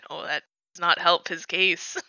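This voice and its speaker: A slightly lo-fi, very dry recording of a woman playing a tabletop game. Her voice is bright and forceful, and she moves casually between teasing banter and character lines. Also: lowish voice, steady tone, measured pace, no room sound.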